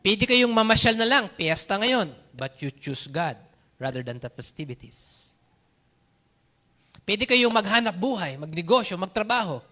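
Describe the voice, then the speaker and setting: A man with a Filipino accent preaching a sermon, animated, telling stories and switching between Tagalog and English. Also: sits high, a little slow. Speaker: pastor.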